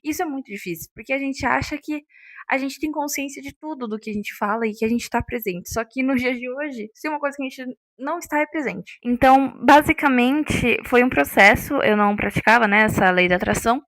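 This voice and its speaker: Chatty woman, rather high voice. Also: brisk, fairly bright tone, dry recording. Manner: chatty, checks in with listeners often. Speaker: vlogger. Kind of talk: unscripted casual vlog talk.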